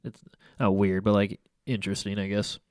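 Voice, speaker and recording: A photography vlogger, young and male, talks over his photos casually from a small room at home beside a window, his nose noticeably congested. He's rambling and hesitant, with many fillers and restarts, speaking at a normal speed in a flat, low voice that stays smooth and clear. The recording is dry and intimate, with no room around it.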